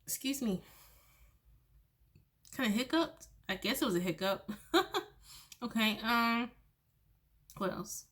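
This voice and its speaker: A woman's voice: on the high side, expressive, measured pace, pauses often, a bit bright. A woman giving a loose, chatty tarot reading, swearing freely and laughing between thoughts. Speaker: tarot reader. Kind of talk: casual tarot reading monologue.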